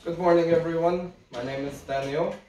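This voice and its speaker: A man from Hungary in his thirties giving a guest lecture to a class, relaxed and explaining steadily with dry humour. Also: fairly high pitch, normal speed. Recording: echoey classroom from far off, faint hiss.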